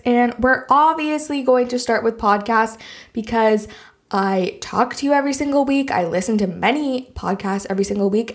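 A woman with a Canadian accent hosting a solo podcast in a casual, chatty, enthusiastic and informal way. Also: fairly high pitch. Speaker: podcast host.

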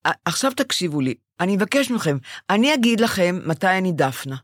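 An older woman co-hosting a chat show, telling a long personal story in a lively way and acting out what she said back then. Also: lowish voice, no room sound, clean studio sound. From Israel. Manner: animated storytelling, acts out her own past quotes. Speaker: podcast co-host. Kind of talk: casual chat.

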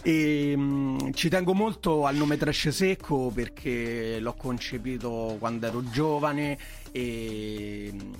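A man with a Roman accent chatting casually as an interview guest, his voice hoarse and giving out from strained vocal cords. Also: medium pitch, slow, few pauses. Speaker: interview guest, artist working in film.

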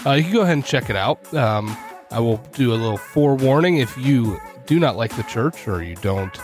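A man's voice: mid-range voice, animated, a little fast, darkish tone, soft background music. A man hosting a casual podcast, upbeat and jokey. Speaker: podcast host. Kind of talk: casual chat.

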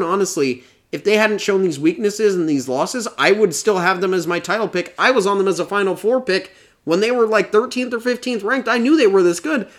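A man with a fairly high voice breaks down college basketball in casual talk. He is opinionated and reels off stats. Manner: opinionated, reels off rankings, laughs now and then.

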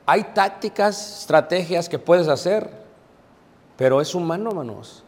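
A man's voice: on the high side, lively intonation, measured pace. A man preaching a conversational Bible class, informal, with many fillers and check-ins to the audience. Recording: long reverb of a large room.

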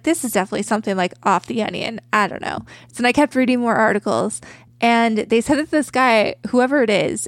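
A woman's voice: fairly high pitch, dry recording. A woman chatting casually as a podcast co-host, with an informal, speculative storytelling manner. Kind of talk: casual chat.

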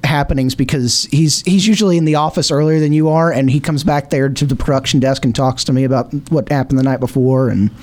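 A man's voice: medium pitch, fairly even intonation, quick pace, hardly any pauses, a little mellow. A man co-hosting a sports talk show in casual banter, repeating himself for emphasis as he makes his point. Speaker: sports radio show co-host.

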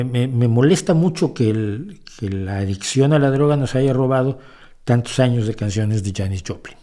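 Medium in pitch and dark in tone, a male host fields questions from viewers. His casual talk wanders, full of restarts, self-corrections, and forceful opinions.

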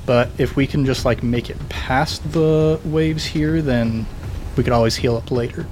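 Mid-pitched man talking tabletop tactics. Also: steady tone, unhurried, a little mellow, slight background noise. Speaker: player. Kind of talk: casual tactical tabletop game talk.

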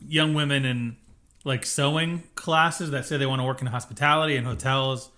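A man's voice: medium pitch, fairly even intonation, moderate pace, pushed and bright. A man co-hosting a podcast, chatting casually and rambling through an episode recap with many self-corrections. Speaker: podcast co-host.

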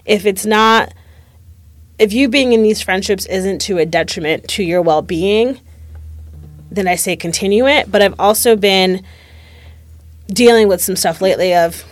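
Unhurried and prone to long pauses, this late-twenties woman chats casually, reflecting openly on things and leaning heavily on the word "like." Her pitch is medium, and the recording carries no room sound.

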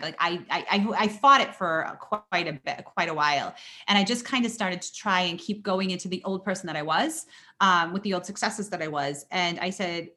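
A woman being interviewed on a podcast, telling a personal story. She talks in an animated, lively way, laughing often and restarting her sentences. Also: fairly low pitch. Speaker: podcast guest.

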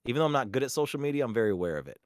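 A man speaking as a podcast guest, self-described awkward, talking in halting bursts with many restarts and jumping much higher and louder when he acts out a story. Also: big pitch swings, no room sound, studio quality. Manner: jumps high and loud when acting out stories. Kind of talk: casual podcast conversation.

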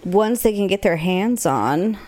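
A woman with a medium-pitched voice co-hosts a casual talk podcast. She speaks conversationally, with dry and matter-of-fact humor. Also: lively intonation, measured pace, warm tone. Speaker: podcast co-host. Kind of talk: casual chat.

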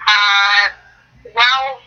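A woman's voice: medium pitch, fairly even intonation, drawn-out words, pushed and bright. A woman calling in over speakerphone as a guest, chatting casually and joking. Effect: heard over speakerphone. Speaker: guest on a phone call. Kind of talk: casual chat. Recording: muffled speakerphone line.

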